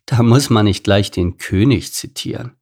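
A man's voice: on the low side, gravelly, darkish tone. A man voicing a big, arrogant male baboon who talks down to others. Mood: condescending. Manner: slow, condescending.

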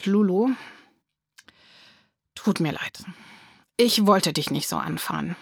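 A woman voicing a patient, loving father who reasons with his daughter in a gently firm, coaxing way, in a storybook reading. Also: fairly low pitch, animated, slow, creaky, slightly rough, no room sound, clean studio sound, full character voice.

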